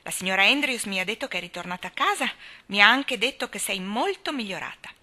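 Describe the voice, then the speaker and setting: A woman reading aloud, voicing a sour, sharp-tongued old woman who talks in a caustic, ungracious way. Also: medium pitch, animated, fast.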